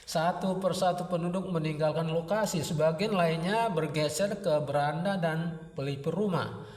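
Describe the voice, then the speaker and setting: Male storyteller, dramatic serial reading, rhythmic delivery; slightly high, far off the mic, long reverb. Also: normal speed, a little mellow. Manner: vivid, rhythmic narration. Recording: echoey room, voice from afar.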